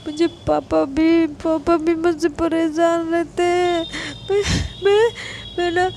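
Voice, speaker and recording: A woman's voice: very high voice, flat delivery, slow pace, darkish tone, slight background noise, pitched above the performer's own voice, heavily acted. A woman voicing a drunk, childish young woman who sobs, stammers and sulks. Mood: tearful. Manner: sobbing, stammering, sulky.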